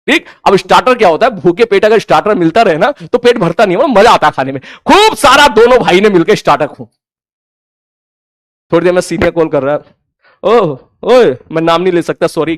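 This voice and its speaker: Animated high-voiced man telling a story. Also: no room sound. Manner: animated storyteller acting out dialogue. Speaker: teacher telling a college story. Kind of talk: casual storytelling.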